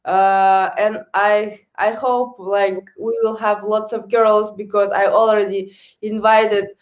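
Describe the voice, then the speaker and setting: Slow and level, a young adult woman's medium-pitched voice answers interview questions in English with a Kazakh accent. She's a native Kazakh speaker from Kazakhstan working as a hockey coach, and she hesitates as she searches for words in a language that isn't her own.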